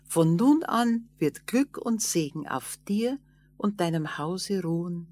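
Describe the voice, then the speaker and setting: A woman voicing a meek, sorrowful little forest woman who speaks softly in a fairy tale. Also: medium pitch, slow, close to an everyday voice. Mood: solemn.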